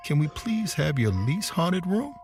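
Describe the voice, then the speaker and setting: A man's voice: fairly high pitch, big pitch swings, unhurried, a little mellow, pitched above the performer's own voice. Man reading uptight nervous young banker guy, grumbling, audio story with music.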